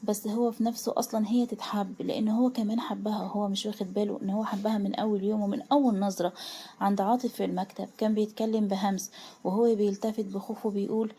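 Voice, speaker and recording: A woman's voice: mid-range voice, steady tone, fast talker, mellow, slight background noise. A woman with an Egyptian accent, retelling a romance story in a chatty, casual way with asides to her listeners. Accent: Egyptian Arabic.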